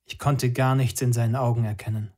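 Man, first-person narration, measured and somber, unhurried. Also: medium pitch, little pitch movement, mellow.

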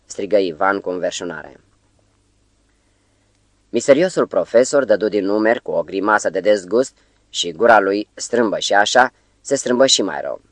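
A man narrating an audiobook in a measured, even storytelling manner, close to the mic. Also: lowish voice, no room sound. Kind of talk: scripted narration.

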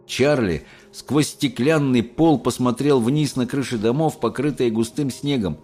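A man reading a children's story aloud as an expressive audiobook narrator. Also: mid-range voice, a little slow, faint music behind.

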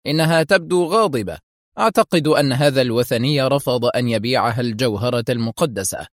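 A man's voice: medium pitch, fairly quick, no echo, natural voice. A man playing a serious wry agent. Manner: serious and dry, sometimes mocking. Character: serious, wry adult male secret agent.

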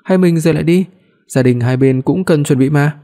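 Một người đàn ông đọc lời của một cô vợ trẻ hay nũng nịu, giọng năn nỉ, dỗi hờn. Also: male voice, on the high side, fairly quick, dark tone, close to an everyday voice. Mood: pleading. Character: young wife, playful and clingy.

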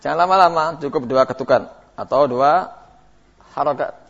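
A man's voice: a little high, moderate pace, creaky. A man teaching Quranic recitation rules, modeling sounds and repeating them to correct listeners while answering questions. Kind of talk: tajwid lesson answering questions. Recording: muffled lo-fi 2000s lecture tape.

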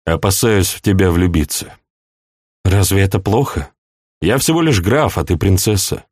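Narrator guy doing a dry witty count in an audiobook, calm, blunt, no room echo. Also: sits low, moderate pace. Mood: wry. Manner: calm, wry delivery. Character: young count, dry-witted and blunt man.

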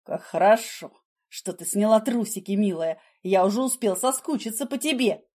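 A woman's voice: medium pitch, normal speed, a little mellow, slightly rough, natural voice. A woman voicing a menacing, mocking husband in an audiobook, with a smug, taunting manner. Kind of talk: audiobook character voice.

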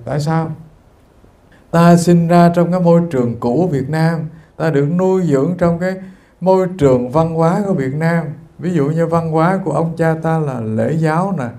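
Man, Buddhist preacher, earnest and storytelling, warm and slightly high. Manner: addresses listeners repeatedly, earnest and storytelling. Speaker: Buddhist monk giving a dharma talk. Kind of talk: sermon.

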